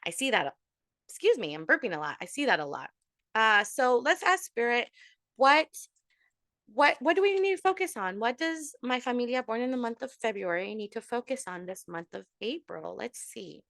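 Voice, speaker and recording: A woman's voice: on the high side, big pitch swings, moderate pace, vocal fry, fairly bright tone, no echo, studio quality. A woman giving a casual monthly tarot reading to her followers, chatty and full of fillers, sprinkling in Spanish endearments. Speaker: tarot reader.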